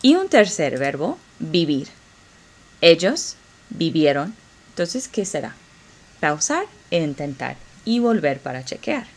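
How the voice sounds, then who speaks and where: Slow, lively woman teaching Spanish. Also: sits low. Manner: slow, encouraging drill pace with pauses. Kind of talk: classroom grammar lesson.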